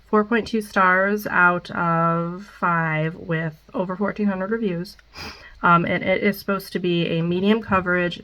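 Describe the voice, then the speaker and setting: A young Midwestern American beauty vlogger with a stuffed-up nose chats through a makeup wear-test, using many ums and reading product details. Her voice is lowish, pushed and bright, and the recording is low quality.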